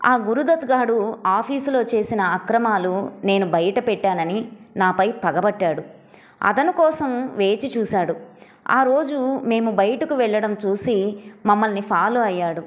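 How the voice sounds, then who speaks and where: A woman's voice: medium pitch, measured pace, lightly acted. A woman reading the lines of an earnest young married man who argues firmly with his mother in a storybook. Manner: firm, pleading with his mother.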